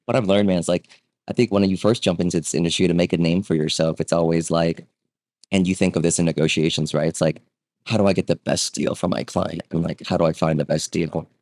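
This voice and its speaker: Low-voiced man telling his story casually. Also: quick pace, no room sound, clean studio sound. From Vietnam. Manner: relaxed, conversational, frequent fillers and rhetorical "right?". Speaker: guest, real estate agent.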